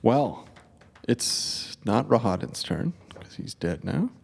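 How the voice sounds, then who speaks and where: A man acting as game master, calling out saves, damage and turns in a relaxed, good-humored way. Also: mid-range voice, slow, creaky, husky. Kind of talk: running a tabletop game.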